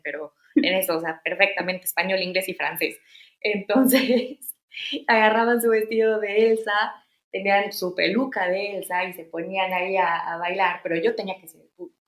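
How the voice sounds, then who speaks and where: Mexican woman, 30s, casual storytelling with lots of "este" and "o sea", echoey room. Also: medium pitch. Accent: Mexican Spanish. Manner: chatty, many fillers and restarts. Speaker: interview guest.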